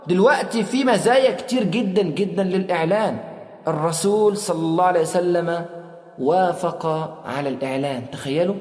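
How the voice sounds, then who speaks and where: A man with an Egyptian Arabic accent telling an Islamic sermon story, dramatically acting out the quoted speech with sudden rises and drops. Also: high-pitched. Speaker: preacher. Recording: echoey hall reverb.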